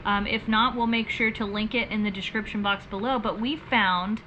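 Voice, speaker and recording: A woman's voice: medium pitch, steady tone, normal speed, highs cut off, slight background noise. A woman co-hosting a home vlog, chatting in an upbeat, casual way full of fillers. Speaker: vlog co-host. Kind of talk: casual chat.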